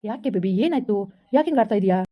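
A woman's voice: a little high, animated, rapid-fire, highs cut off. A woman plays a deceitful young married man in a village skit, coaxing and placating his girlfriend.

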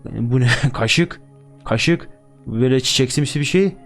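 A man's voice: mid-range voice, measured pace, faint music behind. A young man playing a game on camera, joking crudely and swearing constantly. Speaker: gaming YouTuber. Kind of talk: let's-play commentary.

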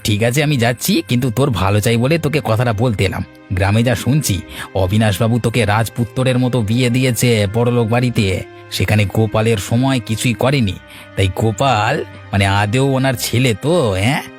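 A man's voice: medium pitch, fairly quick, faint music behind, close to an everyday voice. A man voicing a meddling village troublemaker in a cartoon, needling and teasing. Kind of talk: cartoon voice acting.

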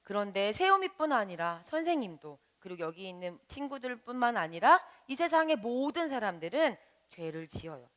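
A woman teaches a children's Bible lesson in a lively, rising-and-falling voice. She explains gently and keeps turning to the children with questions. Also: medium pitch, normal speed, few pauses. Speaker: Sunday school teacher.

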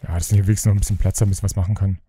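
A man's voice: low voice, little pitch movement, rapid-fire, dark tone, husky. A man hosting a let's play, chatting casually and grumbling to himself as he builds. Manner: rambling, grumbles to himself, mutters asides. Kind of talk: casual gaming commentary.

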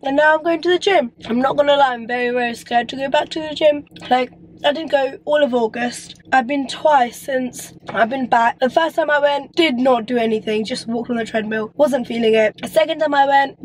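This is a casual vlog from a young dental student in her twenties, talking into a phone camera at arm's length while in her car and bedroom. Her high-pitched voice is brisk but still on the mend after she lost it while sick, and she rambles in a chatty, self-mocking way. There's a little hiss or hum underneath.

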